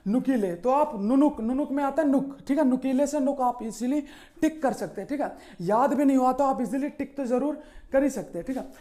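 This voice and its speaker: A man's voice: extremely high pitch, brisk, mellow. A male history teacher explaining memory tricks, asking rhetorical questions and answering them himself, with "okay" after nearly every point.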